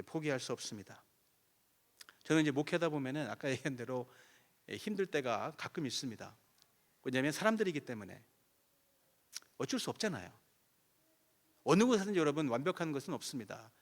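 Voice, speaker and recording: Animated Korean pastor preaching a revival sermon. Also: male voice, medium pitch. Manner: animated storytelling, acting out both sides of conversations. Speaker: guest pastor at a revival meeting. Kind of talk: sermon with acted prayer dialogue.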